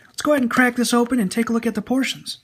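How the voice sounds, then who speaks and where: A woman's voice: a little high, fairly even intonation, racing, slightly rough. A woman giving a casual video product review, talking straight to viewers.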